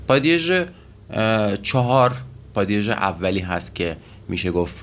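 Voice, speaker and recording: Guy with a lowish voice going through vocab slowly, lots of pauses and uhs, teacher explaining grammar. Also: expressive, fairly bright tone. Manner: methodical, with frequent pauses and fillers. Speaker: Russian language teacher.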